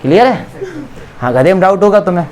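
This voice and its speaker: A man's voice: sits high, lively intonation, fairly quick, a little mellow. Chatty Indian male maths teacher. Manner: chatty, teasing, keeps checking students follow. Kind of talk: classroom lesson explaining geometry.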